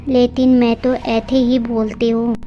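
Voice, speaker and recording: A woman's voice: on the high side, level tone, a little slow, natural voice. A woman voicing a meek young bride who speaks with a childlike lisp, on a dull lo-fi track with faint music behind. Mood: pleading. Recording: dull lo-fi audio with soft music.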